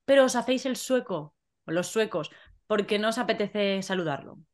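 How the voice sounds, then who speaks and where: Spanish accent woman, guest teacher, lively chat, lots of examples, mid pitch. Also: moderate pace. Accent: Spanish from Spain. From Spain. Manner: lively, gives examples, says vale often. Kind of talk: casual chat explaining sayings.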